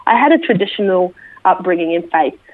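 An Australian woman, a military veteran, sharing her story slowly and reflectively as an interview guest, with many small fillers. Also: on the low side, expressive, no room sound. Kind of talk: personal testimony interview. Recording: tinny phone line, dry.

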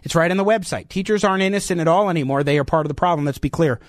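An American man with a slightly high voice delivers an opinionated talk radio monologue. He is emphatic but halting, breaking off to correct himself. The sound is dry and close, as from a studio microphone. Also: no room sound. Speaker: radio talk show host.

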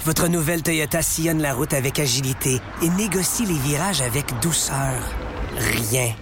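A man reading a scripted radio commercial in a smooth, polished delivery. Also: on the high side, moderate pace, noisy background. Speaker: commercial announcer.

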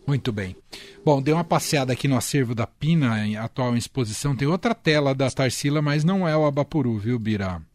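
A man with a Brazilian Portuguese accent hosts a radio culture slot and asks his guest questions in an easygoing way. His voice has a medium pitch and is recorded dry and close in a studio. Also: expressive, brisk, darkish tone, dry recording. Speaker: radio host. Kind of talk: radio interview chat.

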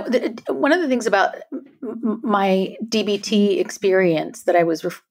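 A middle-aged woman, a guest author, speaking earnestly in a podcast conversation, often checking in with "right?". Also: mid-range voice. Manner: earnest, emphatic, frequent "right?" tags.

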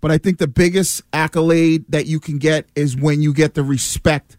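A man's voice: on the high side, fairly even intonation, normal speed, a little mellow, no room sound, studio quality. An American man, a former player, talking sports casually as a radio panelist, reasoning aloud and often repeating himself.

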